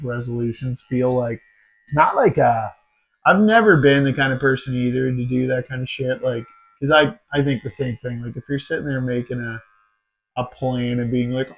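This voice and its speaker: Over poor audio, a medium-pitched man in his forties hosts a podcast and chats casually. He tells stories with lots of energy, curses often and keeps dropping "dude."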